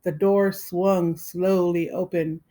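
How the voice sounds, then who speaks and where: Lady reading a kids' book out loud, real slow and steady. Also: fairly low pitch. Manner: slow, deliberate storytelling. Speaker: reader. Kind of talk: reading a children's novel aloud.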